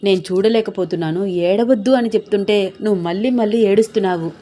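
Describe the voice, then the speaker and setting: A woman voicing a loving young husband who gently soothes his tearful wife, in a soft, coaxing tone. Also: mid-range voice, a little fast, close to an everyday voice. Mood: tender reassuring.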